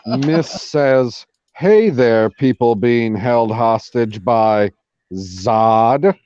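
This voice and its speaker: A man's voice: mid-range voice, drawn-out words, darkish tone, clear, resonant tone. A man co-hosting a live stream in casual, teasing, sweary chat over lo-fi audio. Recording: slightly dull, lo-fi voice chat audio.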